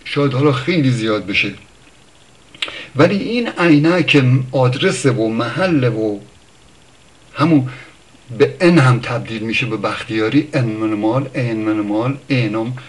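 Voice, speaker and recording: Man explaining word origins, unhurried. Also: medium pitch, animated. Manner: thinks aloud, with pauses and self-corrections. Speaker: language teacher. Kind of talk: informal spoken lesson on word origins.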